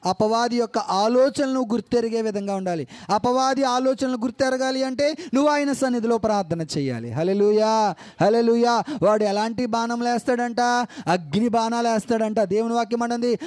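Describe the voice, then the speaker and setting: A man's voice: extremely high pitch, moderate pace, a little mellow. A male pastor preaching a fervent sermon, calling out hallelujahs and voicing prayers. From India.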